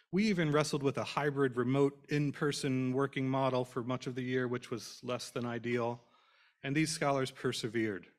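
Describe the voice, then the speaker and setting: A man delivers a prepared introduction from a podium in an auditorium. His pitch sits in the middle, and his delivery is formal and measured, with phrases that trail off at the ends. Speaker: program director introducing scholars. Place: auditorium stage. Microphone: podium microphone.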